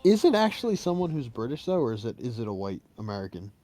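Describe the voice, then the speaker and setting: A man's voice: medium pitch, sing-song, fast, dark tone. A young man co-hosting casual gameplay commentary with joking, sarcastic banter. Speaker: gaming channel co-host.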